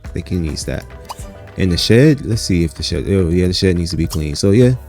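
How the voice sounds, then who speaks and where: Low, mellow-voiced man rambling over gameplay. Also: lively intonation, fairly quick, faint music behind. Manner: rambling, many fillers and "you know"; talks to the viewers as "you guys". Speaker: gaming channel host. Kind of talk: casual gameplay commentary.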